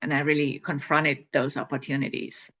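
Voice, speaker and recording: A middle-aged woman author promoting her book tells stories from her own life casually to camera, in a low-pitched, slightly bright voice with a level tone and moderate pace. She is chatty, laughs often, and restarts sentences by repeating words.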